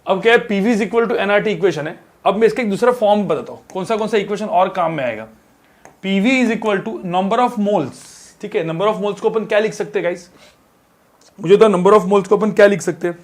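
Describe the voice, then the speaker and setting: Brief: young male physics teacher, higher pitch, casual and chatty, stretches words while writing on the board. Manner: talks while writing on a board, drawn-out words, many filler checks. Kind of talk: casual classroom lecture.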